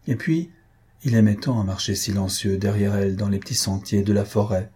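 Lecteur de livre audio, homme, timbre sombre et rauque, débit mesuré. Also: male voice, fairly low pitch, fairly even intonation, fairly quick, warm tone, slightly rough. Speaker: audiobook reader. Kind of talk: reading a classic novel aloud.

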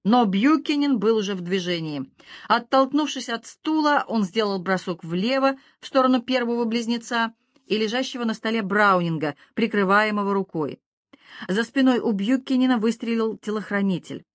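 A woman narrating a thriller audiobook in a steady, even reading manner. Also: a little high, normal speed, no echo, studio quality. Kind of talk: scripted narration.

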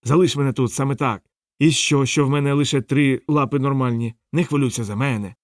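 A scruffy little street dog grumbles and mutters in a sarcastic, self-pitying way, as a man puts him on for an audiobook. His voice sits at an ordinary middle pitch. The recording is dry and close. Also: fairly even intonation, fairly quick, dry recording, close to an everyday voice. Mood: grumbling.

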